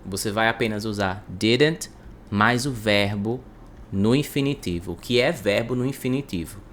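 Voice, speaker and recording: A man teaching English to Portuguese speakers, breaking phrases into slow drills and repeating words for the listener. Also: fairly low pitch, a bit bright, slight background noise.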